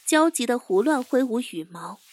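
A woman narrating an audio drama in a steady storytelling voice. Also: on the high side, moderate pace, no room sound.

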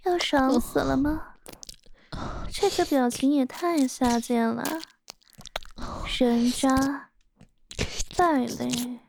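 A woman's voice: sits high, steady tone, drawn-out words, gravelly, pauses often, background noise, heavily acted. A woman playing a scornful, domineering young girl in an ASMR role-play, mocking and coaxing her listener. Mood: cold, commanding.

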